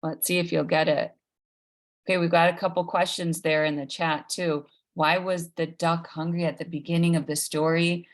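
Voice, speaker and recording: This read-aloud host's voice is fairly low and level, at a normal speed. She runs a live online event for kids, making announcements casually and speaking directly to listeners.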